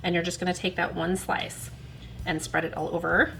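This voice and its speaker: A woman's voice: fairly low pitch, flat delivery, normal speed, vocal fry, fairly bright tone, slight background noise, poor audio. Chatty woman cooking at home. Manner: chatty, self-deprecating, talks while working. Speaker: cooking channel host. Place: home kitchen.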